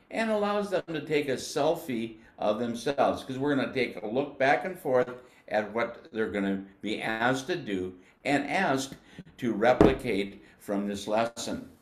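A man's voice: mid-range voice, roomy sound. Patient older American man teaching band. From United States. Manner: patient, explanatory, demonstrates syllables slowly. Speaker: music educator. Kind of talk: instructional demonstration.

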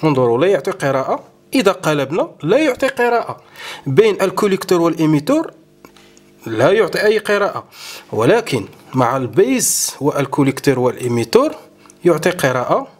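A man hosting an electronics tutorial, explaining a hands-on demonstration step by step and often pausing with fillers. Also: fairly high pitch, sing-song. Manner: explanatory, keeps saying "look" to viewers, frequent hesitations.

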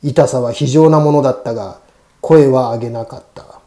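A male narrator reads a scripted ghost story for a horror audiobook, hushed, eerie and deliberate. His voice is mid-pitched, with a very dark, soft-edged tone.

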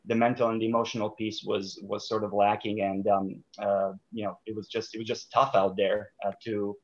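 A man's voice: fairly low pitch, little pitch movement, moderate pace. Thoughtful man on a dull video call. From Serbia. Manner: thoughtful, many fillers and restarts. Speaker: guest, sport psychologist. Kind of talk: casual interview over video call. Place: small room indoors. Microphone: video call webcam.

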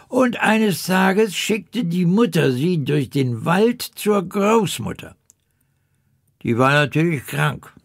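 A man's voice: high voice, very animated, slow pace, gravelly, no room sound, clean studio sound. A man reading a comic fairy tale aloud in a droll, theatrical way, with dramatic swoops and wry asides. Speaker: reader.

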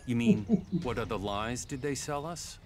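A man's voice: medium pitch, very animated, a little slow, gravelly, noisy background. A wary, mocking male guard. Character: suspicious male guard confronting an old comrade.

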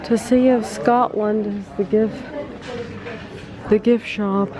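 A woman's voice: medium pitch, fairly even intonation, slow, rough recording. A woman narrating a casual travel vlog as she films in a large shop. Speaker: vlogger. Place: large gift shop at rest stop. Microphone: handheld camera, held by speaker. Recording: busy shop with crowd chatter.

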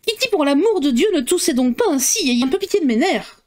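A woman reading a novel aloud, voicing a fretful, excitable middle-aged mother with a shrill, fussy, complaining manner. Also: normal speed. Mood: querulous.

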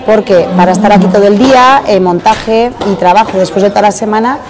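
A woman's voice: mid-range voice, brisk, music in the background. A woman in her forties, the organizer of a fair, answering interview questions hesitantly with many fillers in a busy hotel hall. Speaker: event organizer. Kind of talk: on-camera interview. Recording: crowd chatter behind.

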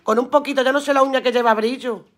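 A woman's voice: sits high, steady tone, fast. Chatty, earthy woman streaming live. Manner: chatty, earthy, swears casually, laughs often. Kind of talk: casual live-stream chat reading viewer comments aloud.

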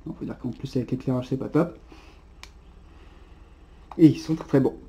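Very dark-voiced man chatting through an unboxing. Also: mid-range voice. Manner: unhurried, chatty, peppered with "hop" and hesitations. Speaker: unboxing presenter. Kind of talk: casual unboxing narration.

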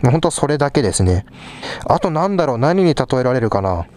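Over live drums and guitar, a young vlogger in a small rehearsal studio plays his instruments and explains them casually. He talks fast in a medium-pitched voice with big pitch swings, recorded through a small clip mic mounted on a head camera.

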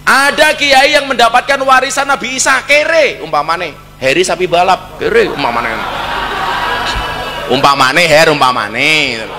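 A man's voice: high-pitched, unhurried, bright, forceful tone, big-room sound, slight background noise. A middle-aged man with a Javanese accent giving a humorous religious talk, joking and teasing with Javanese asides. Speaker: preacher.

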